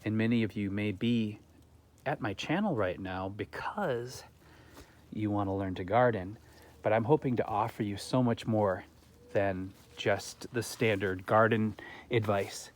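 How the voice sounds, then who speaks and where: A man's voice: lowish voice, measured pace. A man hosting his own gardening channel, talking earnestly to camera from his garden and musing aloud with rhetorical questions. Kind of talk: reflective talk to camera. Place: home garden, outdoors.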